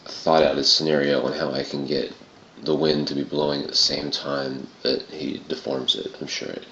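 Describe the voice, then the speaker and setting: Casual male tutorial narrator, very low and throaty with heavy fry, noisy home recording. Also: little pitch movement, normal speed, fairly bright tone. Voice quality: gravelly, throaty. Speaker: tutorial presenter. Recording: muffled, roomy home recording with clear noise.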